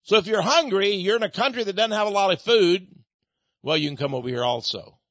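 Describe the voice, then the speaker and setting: High-voiced guy doing a snarky mocking talk monologue, muffled lo-fi audio. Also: animated, a little fast, a bit bright, no room sound. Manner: sarcastic, mocking. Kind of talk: opinionated monologue. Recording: dull lo-fi sound.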